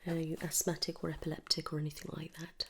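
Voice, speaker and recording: Playing a dentist or dental receptionist in a whispered, soft-spoken ASMR roleplay, a British woman asks gentle, reassuring questions without hurrying. Her breathy, hushed whisper is low-pitched and creaky with a completely flat delivery, and a little hiss or hum can be heard.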